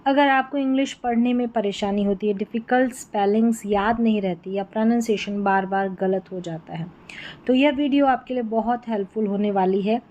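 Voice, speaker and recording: A woman's voice: medium pitch, normal speed, a little mellow, highs cut off. A woman teaching an English spelling lesson, explaining patiently and repeating words so learners catch them. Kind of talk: Hindi-language spelling lesson.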